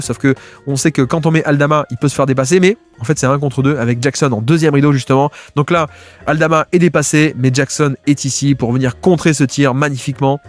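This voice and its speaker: A man giving casual, fast-paced commentary as he breaks down basketball game film, with many fillers and restarts. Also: medium pitch. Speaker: basketball video analyst.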